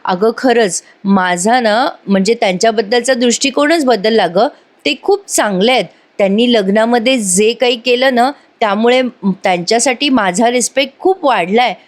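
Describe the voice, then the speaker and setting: Gentle elder sister, as a woman narrator reads her: soft, reassuring, a bit high. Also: normal speed, close to an everyday voice. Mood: soothing.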